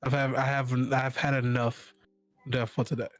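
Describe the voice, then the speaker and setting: A man plays his character in a tabletop game, his speech halting and full of restarts. His voice sits at an average pitch, with faint music underneath. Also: little pitch movement, no echo. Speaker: player.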